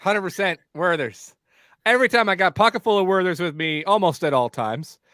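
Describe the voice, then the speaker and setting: Brief: male podcast guest, fairly high voice, jokey banter, dry close mic. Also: a little fast, a bit bright, no room sound. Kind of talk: casual podcast chat.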